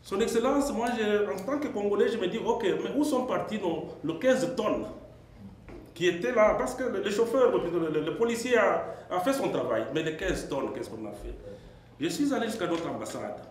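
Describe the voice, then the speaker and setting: At a press conference, a man in the audience asks a long question from the floor, raising observations and telling an example earnestly, his high voice rising for emphasis. His intonation is lively and his pace moderate. The hall is very echoey, with faint noise.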